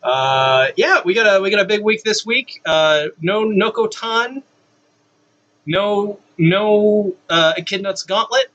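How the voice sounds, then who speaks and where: A man hosting a casual podcast, halting and full of fillers, heard through a tinny webcam mic that sounds like a tin can. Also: high-pitched, pushed and bright. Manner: halting, with many fillers and repeats. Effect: tinny webcam mic, like talking into a tin can. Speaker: podcast host. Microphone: built-in webcam mic.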